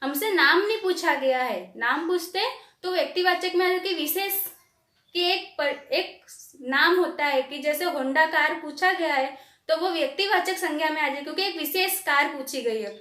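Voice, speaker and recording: In an echoey room, a woman with a high-sitting voice and sharp tone teaches grammar to young pupils. She dictates definitions at a slow pace and asks questions she then answers herself.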